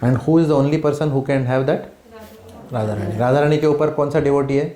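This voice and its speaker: An Indian man from Bombay leads a devotional class in a home, his voice mellow and fast-paced. He peppers his teaching with quick questions to the group and checks in with "hmm?" and "right?". The room adds a noticeable echo. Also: mid-range voice. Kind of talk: spiritual class talk mixing English and Hindi.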